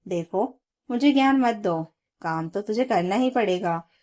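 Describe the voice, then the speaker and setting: A woman's voice: mid-range voice, animated, measured pace, a little mellow, natural voice. A woman storyteller voicing a stern, bossy mother-in-law who scolds her daughter-in-law. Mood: scolding.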